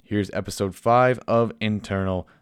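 A man's voice: fairly low pitch, steady tone, moderate pace. A man in his twenties with a Canadian accent hosting a casual solo sports podcast in a chatty, informal, playfully self-deprecating way. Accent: Canadian English. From Ontario, Canada. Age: 20s. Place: basement den at home.

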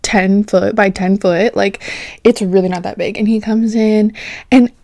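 A woman's voice: mid-range voice, steady tone, a little slow, darkish tone, dry recording. Young woman podcaster, casual storytelling, chatty, says "like" a lot, dry close sound. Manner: chatty, heavy use of "like", swears freely, laughs often. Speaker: podcast host.

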